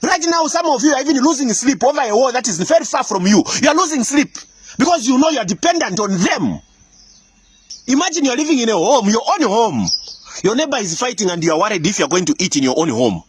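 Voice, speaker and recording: A man's voice: extremely high pitch, big pitch swings, quick pace, breathy edge. A man with a Zimbabwean accent delivering an impassioned, preachy monologue that scolds its listeners and is broken up by bursts of laughter. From Africa. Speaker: commentator. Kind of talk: impassioned monologue addressing leaders.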